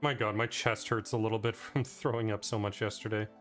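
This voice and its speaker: A man's voice: on the low side, steady tone, a little fast, faint music behind. A man casually reviewing his own speedrun, talking loosely with plenty of "like" fillers. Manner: rambling, loose, with frequent "like" fillers. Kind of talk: casual commentary over gameplay.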